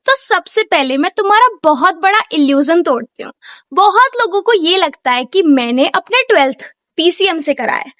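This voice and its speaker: A young woman with a strikingly high voice talks straight to her viewers in a chatty, advice-giving vlog. The recording is dry and close, with no room sound. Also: a bit bright, dry recording. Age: young adult. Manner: chatty, direct, addresses viewers informally. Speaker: student vlogger.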